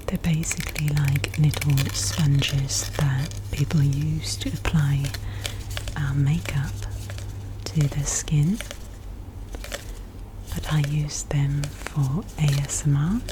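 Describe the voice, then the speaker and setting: A woman whispering softly and gently in an unhurried ASMR style, close to the microphone. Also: low voice. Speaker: ASMR video host. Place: indoor room with air conditioner running. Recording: clear steady background noise. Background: air conditioner noise, tapping and clicking of handled objects.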